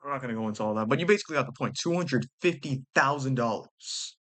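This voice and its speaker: A man's voice: mid-range voice, lively intonation, fast, crowd noise. A young man giving sarcastic, blunt commentary, using slang and stumbling over his words. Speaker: commentary vlogger. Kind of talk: reaction commentary.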